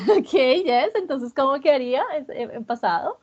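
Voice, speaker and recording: A woman's voice: high-pitched, sing-song, normal speed, muffled recording. A woman teaching English grammar to a class, patiently repeating students' answers and praising them.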